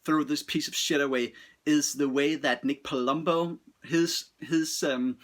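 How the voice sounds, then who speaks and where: Bright, hesitant man reviewing a film. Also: on the high side. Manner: halting, many restarts and fillers, blunt swearing. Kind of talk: casual film review talk.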